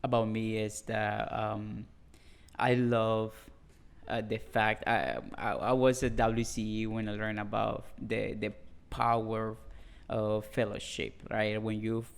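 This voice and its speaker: Male podcast co-host with a gravelly, resonant voice; earnest and halting. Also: on the low side, fairly even intonation. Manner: earnest, halting, with repeated restarts. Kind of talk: casual podcast conversation.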